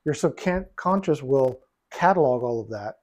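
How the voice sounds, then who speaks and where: Lively intonation and a darkish tone mark this mid-range male voice, moving at a measured pace. He's a billiards coach in a one-on-one session, patiently explaining at the pool table and repeating his phrases.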